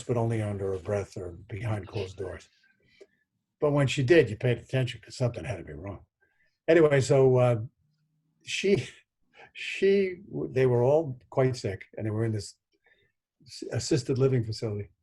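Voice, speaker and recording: A husky-voiced man in his sixties, speaking at an ordinary middle pitch. He tells family anecdotes as a guest, animated and conversational, and slips into the voices of the people he quotes. He sounds like he is talking over a video call. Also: moderate pace, pauses often. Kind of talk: conversational storytelling.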